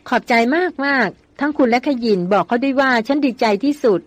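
A woman's voice: high voice, lively intonation, a little fast, no room sound, voice pushed up. Woman reading as a spirited headstrong young woman. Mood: delighted.

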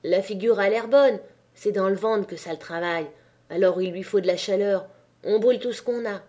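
Woman reads a sly, gushing neighbor wife in a storybook, talking fast to cover up. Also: mid-range voice, warm tone, close to an everyday voice. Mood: feigned. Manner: chattering, feigned surprise.

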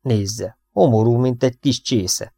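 A man reading the part of a brisk, forceful middle-aged vet boss with a curt, commanding manner, in a storybook reading. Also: medium pitch, vocal fry, dry recording, clean studio sound.

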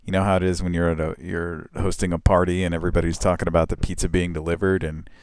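A man's voice: low-pitched, level tone, fast talker, a little mellow, clear, resonant tone, no echo, studio quality. A man co-hosting a live comedy podcast, talking in a rambling, profane, mocking way. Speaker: podcast co-host. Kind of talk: casual comedic chat.

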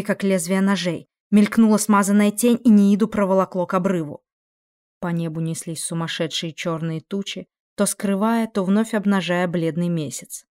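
A woman's voice: medium pitch, a little mellow. A woman narrating a dramatic fantasy audiobook expressively, acting out the dialogue. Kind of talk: dramatic fiction reading.

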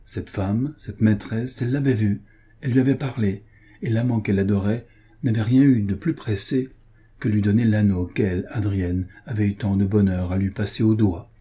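A man reading a nineteenth-century novel aloud in a measured, literary narration. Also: on the low side, steady tone, dark tone, husky. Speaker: audiobook reader.

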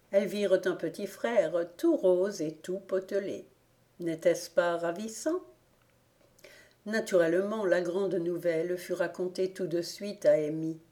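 Woman narrator for a children's audiobook, slow and warm, gentle measured read. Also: fairly low pitch. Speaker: audiobook reader. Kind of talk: storybook narration.

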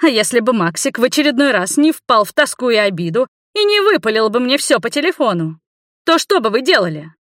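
A woman's voice: on the high side, big pitch swings, normal speed, a bit bright, no room sound, studio quality, voice pushed up. A woman voicing a domineering grandmother over eighty. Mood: indignant. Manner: commanding, reproachful.

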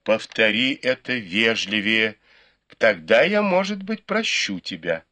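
A man's voice: lowish voice, sing-song, unhurried, pushed and bright, exaggerated voice. A male reader voicing a stern young swordsman who gives curt, threatening commands. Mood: mocking.

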